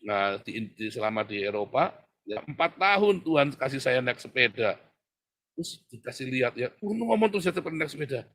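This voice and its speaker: A man preaching a sermon, swinging from hushed, prayer-like talk to loud, animated exhortation. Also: mid-range voice, moderate pace. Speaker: pastor.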